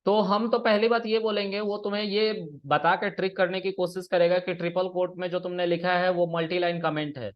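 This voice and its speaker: A man's voice: sits high, little pitch movement, a little fast, hardly any pauses. A man teaching programming in a casual classroom way, explaining step by step and checking that students follow. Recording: dull lo-fi recording.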